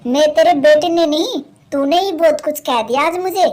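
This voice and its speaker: A woman voicing a scheming, sharp-tongued young wife crow who scolds her mother-in-law harshly. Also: high-pitched, normal speed, close to an everyday voice. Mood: scolding. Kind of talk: cartoon voice acting.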